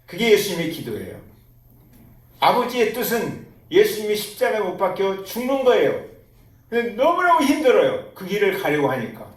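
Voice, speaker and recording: A male pastor preaching a sermon, telling the story animatedly and acting out the quotes, in an echoey church. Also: high voice. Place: church sanctuary. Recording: roomy church hall, mic at a distance.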